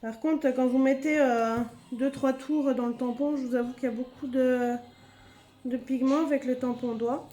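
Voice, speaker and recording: A woman's voice: sits high, steady tone, moderate pace, mellow. A woman casually talking through a craft demonstration, muttering to herself as she searches for items. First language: French. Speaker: craft video host.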